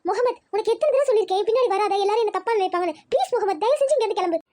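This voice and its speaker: A woman's voice: very high voice, racing, mellow. A woman voicing a young female college student in a Tamil cartoon, pleading and anxious.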